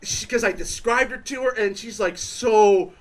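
A man's voice: very high voice, fairly quick, sharp tone, poor audio. A young man doing stand-up storytelling at a live bar show, rambling and self-interrupting. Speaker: stand-up comedian.

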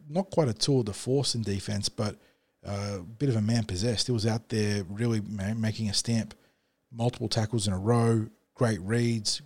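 A man's voice: lowish voice, a little mellow, no echo. A man co-hosting a podcast, analysing a match in long, fluent runs. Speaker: podcast co-host. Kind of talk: casual sports analysis.

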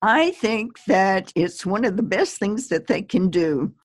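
A woman talks slowly through advice for new poets, and her voice has a husky, slightly breathy grain. The recording is close and dry, with no room sound. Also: mid-range voice, expressive, no echo. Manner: slow, measured and chatty, with small laughs. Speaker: poet giving advice, podcast guest. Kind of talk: relaxed conversational advice.

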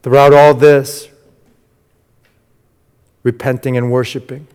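A man preaching a sermon in a halting, conversational way, with many fillers and restarts, raising his voice when he quotes. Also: medium pitch, flat delivery, darkish tone, clean tone. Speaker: pastor. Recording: long hall reverb.

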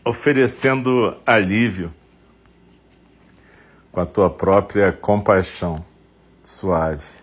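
Male meditation guide, Brazilian accent. Very low register, husky grain, very slow delivery broken into short phrases. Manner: unhurried instruction in short phrases with long pauses.

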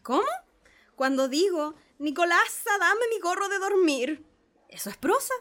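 A woman playing a naive middle-aged gentleman who gushes with wonder as he repeats his lessons, in a dramatic reading. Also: extremely high pitch, lively intonation, unhurried, heavily acted. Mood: insistent. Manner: gushing, repeats sounds with wonder. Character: naive middle-aged male social climber, eager. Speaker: reader playing a pupil.

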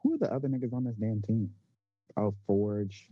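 A man's voice: fairly low pitch, moderate pace, breathy edge. A man co-hosting a casual chat, playful and chatty. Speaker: podcast co-host. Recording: dull lo-fi sound.

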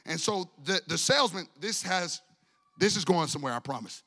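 A man preaching a storytelling sermon in a church, animated and acting out the people in his story. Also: high voice, moderate pace, long reverb tail. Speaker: pastor. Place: church sanctuary.

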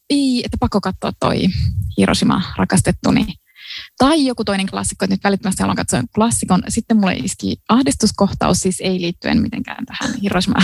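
A woman's voice: medium pitch, gravelly, a little mellow, husky, no room sound. Woman, podcast co-host, casual chat, musing, dry sound. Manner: chatty and musing, with many fillers and laughs. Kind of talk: casual chat about books.

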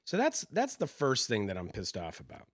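A man's voice: mid-range voice, wildly swooping pitch, moderate pace, no room sound, studio quality. A man co-hosting a casual talk show, complaining in an irritated, profane way. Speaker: podcast co-host. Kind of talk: casual chat.

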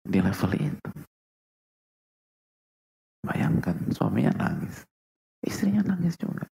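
A man preaching a sermon to a live audience, asking rhetorical questions and swinging between soft asides and loud emphasis. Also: on the low side, huge pitch swings, slow pace, creaky. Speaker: Islamic preacher.

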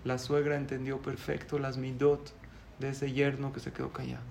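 A male rabbi, telling a story in a sermon, animated and chuckling, asking the audience questions. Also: mid-range voice, normal speed, gravelly, slight background noise.

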